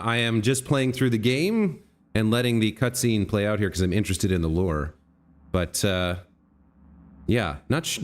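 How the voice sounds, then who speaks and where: Male game streamer, mid-pitched, casual commentary, patient and slightly halting as he explains.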